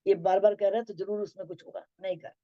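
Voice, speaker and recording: A woman giving a devotional talk on scripture, chanting verses slowly and then explaining them in plain speech. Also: medium pitch, steady tone, dark tone, no echo. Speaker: scripture teacher. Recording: dull lo-fi sound.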